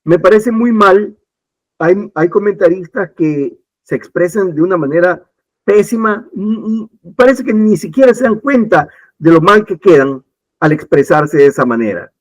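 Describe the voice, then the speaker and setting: A man's voice: high voice, lively intonation, moderate pace, no echo, low-quality recording. Emphatic man giving opinions. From Ecuador. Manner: emphatic, repeats points, many restarts. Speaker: political commentator. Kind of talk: opinionated talk-show discussion.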